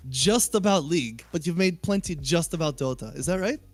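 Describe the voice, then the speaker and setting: High-voiced, chatty joking man. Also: animated, brisk, dry recording, soft background music. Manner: chatty and joking, self-deprecating. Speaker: game coaching streamer, guest. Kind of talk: casual chat on a livestream.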